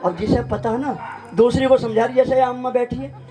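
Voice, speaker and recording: A man's voice: very high voice, steady tone, brisk, dark tone, faint music behind. A man, joking and teasing a live audience from an outdoor village stage on a handheld mic. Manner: teasing, chatty, laughing between jokes. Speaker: folk stage performer.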